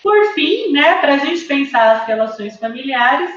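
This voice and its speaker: A woman's voice: high voice, sing-song, a little slow, a bit bright. Woman lecturing in a very echoey room. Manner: explanatory, frequent tag questions, lists of examples. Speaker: psychology lecturer. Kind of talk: recorded online lecture. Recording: very roomy, dull lo-fi sound with faint room noise.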